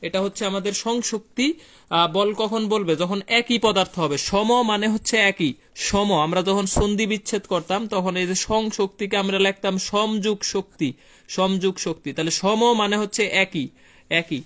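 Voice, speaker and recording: This young physics tutor's voice sits high and a bit bright, holding a steady tone at normal speed. In his live online class he chats colloquially, repeats key terms, and puts questions to students before reading out what they answer.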